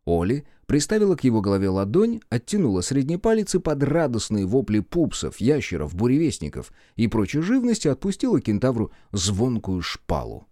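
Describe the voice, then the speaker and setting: A man reads a story aloud in an expressive, lively way. His voice rises and falls with plenty of melody and has a warm, mellow tone. The recording is dry and close-miked. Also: mid-range voice, a little fast, few pauses, dry recording. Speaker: audiobook narrator.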